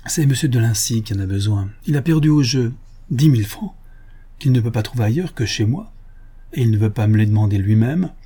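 A man's voice: medium pitch, animated, a little fast, dark tone, breathy edge. A man voicing an anxious young married daughter who pleads hesitantly with her father. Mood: pleading.

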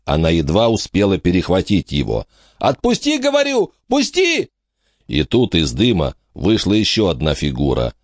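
A man narrating an audiobook in a dramatic, measured reading style. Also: very deep voice, sing-song, no echo, studio quality. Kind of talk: scripted narration.

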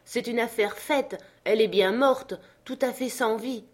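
Lady doing a high squeaky old servant guy, jittery, exclaims a lot, storybook reading. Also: measured pace. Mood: chatty. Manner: exclamatory, pleading. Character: excitable old male servant, fearful and chatty.

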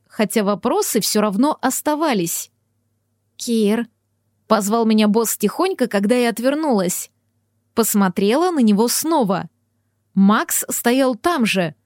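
Brief: wry woman audiobook narrator, fairly high voice, dry close mic. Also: darkish tone, no echo. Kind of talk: first-person audiobook narration.

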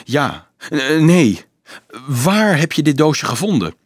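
A man's voice: on the high side, very animated, takes it slowly, breathy edge, dry recording, pitched above the performer's own voice, heavily acted. A man voicing a shaken, stammering teenage boy. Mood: flustered. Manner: stammering, agitated.

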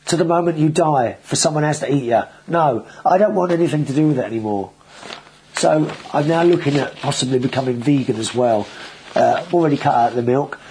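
A man's voice: a little high, a little mellow, low-quality recording. A man hosting a casual video show, talking in a chatty, rambling way with frequent restarts. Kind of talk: casual vlog monologue.

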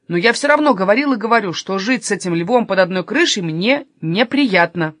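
A woman's voice: medium pitch, animated, fairly quick, no echo, lightly acted. A woman voicing a stubborn, grumbling male robber in a read-aloud storybook. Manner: grumbling, indignant.

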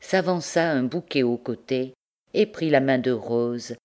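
Female audiobook narrator, low and deep-toned, expressive classic-novel reading. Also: unhurried. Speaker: volunteer audiobook reader.

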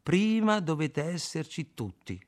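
A man's voice: on the high side, very animated, measured pace, voice pushed up. A man playing a dazed, stubborn army cook who talks in a dull, obstinate way.

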